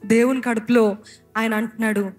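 A woman's voice: a little high, little pitch movement, normal speed, darkish tone. A woman preaching a sermon, calling on the congregation to answer aloud and mixing English phrases into her preaching. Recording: faint music behind.

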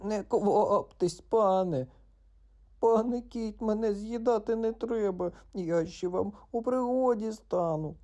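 A man voicing a cheeky, talkative little male frog who croaks between his words in a children's audiobook. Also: sits high, takes it slowly, mellow, muffled recording, pitched above the performer's own voice. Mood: pleading, panicky.

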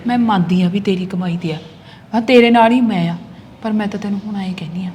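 An actress with a Punjabi accent playing a worried village wife who hushes and scolds her husband, pleading with him to be careful. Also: mid-range voice, fairly quick, a little hiss or hum, close to an everyday voice. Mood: cautious. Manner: urgent, pleading, hushing. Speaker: actress in a short film. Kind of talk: village drama acting.

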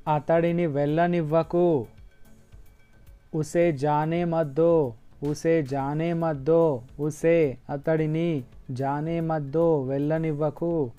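A man with as his teaches Hindi sentences at a crawl, breaking each phrase apart and repeating it. His voice is mellow and smooth, a little higher than most men's. Faint music sits under a slightly dull recording. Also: steady tone, takes it slowly, long pauses. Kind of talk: slow language lesson, repeating phrases.

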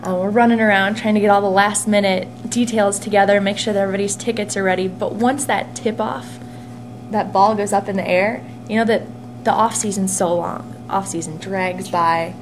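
A woman's voice: mid-range voice, normal speed. Chatty upbeat young woman, humming room. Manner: upbeat, chatty, laughs easily. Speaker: interviewee, team sales and marketing staffer. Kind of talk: casual interview chat. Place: small locker room, indoors. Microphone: camera phone held close at arm's length. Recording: noisy room with steady hum.

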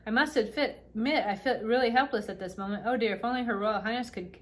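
Tiny fretful doll king, gentle and helpless, as a woman reading a storybook puts him on. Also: fairly high pitch, fairly quick, lightly acted. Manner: helpless, fussing.

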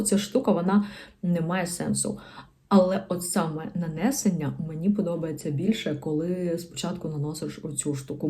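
A woman's voice: fairly low pitch, dark tone. A woman beauty vlogger in a casual show-and-tell chat to camera, chatty and rambling with slangy asides.

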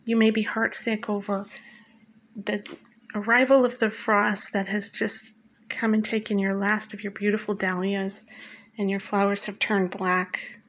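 A woman gives a calm, instructive voice-over, talking straight to the listener as she walks through the year. Her pitch sits in an ordinary middle range. Her delivery is steady and unhurried. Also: poor audio. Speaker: flower farmer and channel host. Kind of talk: scripted voice-over narration.

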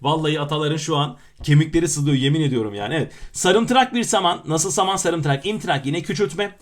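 A man's voice: on the high side, quick pace. A man teaching grammar by working through exam questions, with playful self-mocking asides between emphatic explanations. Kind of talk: exam question walkthrough lesson.

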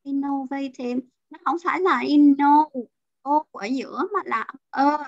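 A woman's voice: high-pitched, expressive, moderate pace, creaky, a bit bright, no room sound, lo-fi sound. A woman teacher leading an online class, explaining vocabulary and patiently drilling pronunciation. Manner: drills pronunciation, mixes English terms into explanations.

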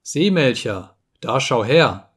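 Man playing a storybook king, old, bearded, fatherly, coaxing, mid-pitched. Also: expressive, slow pace, a bit bright, slightly rough, full character voice.

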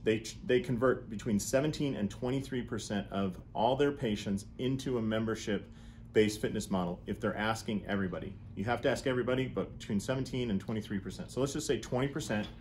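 A man's voice: on the low side, a little fast, darkish tone, slight background noise. A man in his thirties giving a casual whiteboard business lesson, thinking aloud as he works through sums, on a lapel mic in a small room. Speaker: chiropractic business coach.

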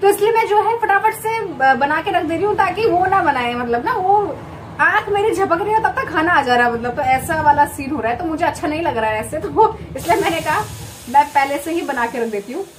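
A woman's voice: high voice, lively intonation, brisk, a little hiss or hum. A young woman from Uttarakhand chatting casually to her vlog camera while she cooks in a home kitchen, rambling with lots of fillers. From Uttarakhand, India. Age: young adult. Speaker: vlogger. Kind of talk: casual chat while cooking. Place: home kitchen beside a window onto a busy highway. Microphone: fixed camera placed in the kitchen.

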